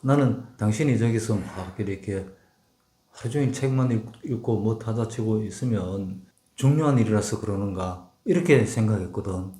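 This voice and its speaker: A man's voice: lowish voice, moderate pace, mellow. An older man from Gyeongsang with a Gyeongsang accent, speaking tersely and bluntly in a casual talk with his wife. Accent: Gyeongsang Korean. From Gyeongsang province, Korea. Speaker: husband in a couple's talk. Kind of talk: casual chat. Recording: roomy echo.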